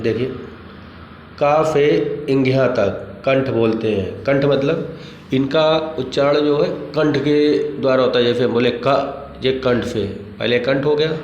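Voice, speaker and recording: A male teacher giving an exam-prep grammar lesson, asking questions and answering them himself. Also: mid-range voice. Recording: echoey room, dull lo-fi sound, faint background noise.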